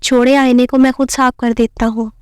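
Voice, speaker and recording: A woman's voice: high voice, flat delivery, normal speed, smooth, no room sound, clean studio sound, close to an everyday voice. A woman reading the lines of a kind, teasing young husband in a playful, mock-formal way.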